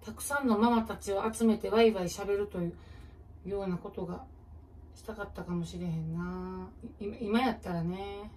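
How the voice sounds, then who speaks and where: A woman's voice: mid-range voice, normal speed, far from the mic, low-quality recording. Kansai woman host, laid-back musing chat, mid-range voice, mic set back from her, faint kitchen hum. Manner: relaxed, musing aloud while cooking. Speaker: comedian and channel host. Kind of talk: casual chat answering viewer comments.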